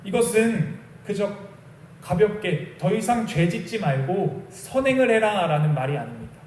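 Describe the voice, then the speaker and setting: A young man preaches in a small church, drifting into storytelling and playing out little bits of dialogue. His voice sits a touch high with a warm, mellow tone. He sounds set back from the mic, with the room ringing around him and a faint hiss underneath. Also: lively intonation, normal speed, roomy sound, distant mic. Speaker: pastor. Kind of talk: sermon.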